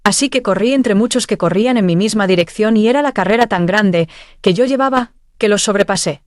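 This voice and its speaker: A woman's voice: medium pitch, a little fast, dry recording, clean studio sound. A woman telling of a dream vision at church, earnest and heartfelt. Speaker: church member giving testimony.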